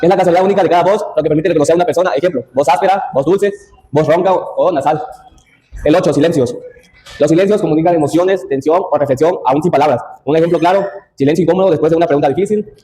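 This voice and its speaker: A man's voice: a little high, racing, mellow, poor audio. A young man giving a class presentation, reading from his slides with restarts and asides. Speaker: student presenter.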